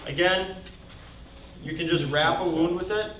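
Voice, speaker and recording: A man's voice: on the high side, a little slow, a bit bright. A man instructing a first-aid class as a firefighter, explaining informally as he demonstrates hands-on. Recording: echoey room, distant mic, faint noise.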